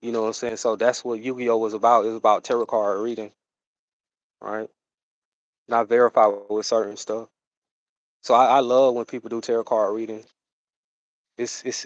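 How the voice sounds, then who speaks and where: A man's voice: mid-range voice, little pitch movement, no room sound, highs cut off. A man, chatting casually on his livestream in a rambling way, full of fillers. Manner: rambling, drawn-out, full of fillers and "you know what I'm saying". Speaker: livestream host.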